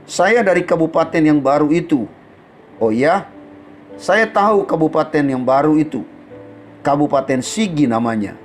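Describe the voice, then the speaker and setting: A man's voice: fairly high pitch, lively intonation, moderate pace, pauses often, soft background music. A man preaching a radio sermon from Central Sulawesi, telling a story and addressing listeners as brothers and sisters. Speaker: preacher on a morning devotional radio program.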